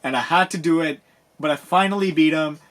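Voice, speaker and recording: A man co-hosting a casual podcast chat, telling his own stories in a relaxed, conversational way. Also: fairly high pitch, brisk, background noise. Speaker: podcast co-host.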